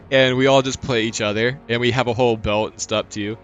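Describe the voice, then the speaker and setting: A man's voice: mid-range voice, steady tone, moderate pace, a bit bright, faint music behind. A man with a hungover voice, hosting a tournament livestream as its caster in a casual, self-deprecating chat. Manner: self-deprecating, chuckles often. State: hungover after a night out.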